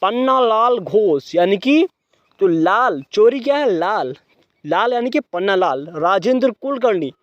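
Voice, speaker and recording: A young man runs a brisk exam-prep lesson in a high voice, drilling memory tricks over and over and answering his own questions in a lower voice. The sound is dry and close, slightly dull. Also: lively intonation, dry recording. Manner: quizzes himself and answers in a lower voice; repeats mnemonics, brisk and chatty.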